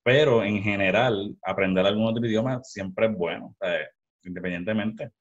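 A young Puerto Rican man with a lowish voice, speaking at normal speed in a Puerto Rican Spanish accent, hosts a casual video-call podcast interview. He rambles with many restarts while talking into a headset with studio mic in a small room at home. The recording is dull and lo-fi.

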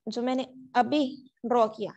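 Woman teacher, high voice, unhurried online class lecture. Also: fairly even intonation, a little mellow. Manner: slow, explanatory, mixing Hindi and English. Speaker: maths teacher.

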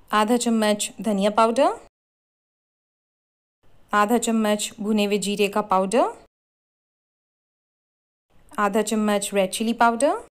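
A woman hosting a cooking channel, giving clear step-by-step recipe instructions in a scripted voice-over. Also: medium pitch. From India.

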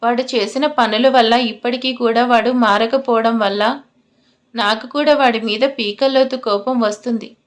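A woman voicing a caring young man who pleads gently on a phone call between friends. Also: on the high side, steady tone, normal speed, lightly acted. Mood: earnest.

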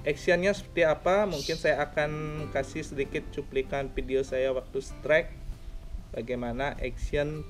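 A man's voice: fairly high pitch, steady tone, normal speed, soft background music. A young man giving a casual review of a fishing rod outdoors, explaining and pointing out its details. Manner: plain explaining, counts and points things out. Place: outdoors by a roadside with plants.

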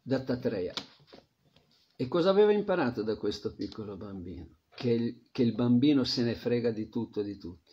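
A man teaching a devotional scripture class, reflective, often trailing off into a soft murmur. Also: medium pitch, lively intonation, moderate pace. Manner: reflective, drops to a soft murmur at phrase ends. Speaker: spiritual teacher. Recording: dull lo-fi recording.

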